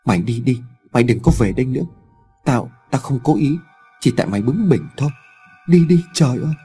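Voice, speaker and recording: A man voicing a guilt-haunted, volatile old farmer who stammers and shouts. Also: medium pitch, expressive, a little fast, husky, faint music behind. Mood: frantic. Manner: shouting, stammering, then sobbing.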